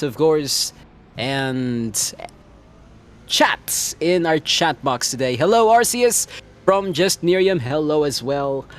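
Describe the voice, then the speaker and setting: A man doing casual live commentary on a sim racing stream, relaxed and chatty, laughing often. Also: on the high side.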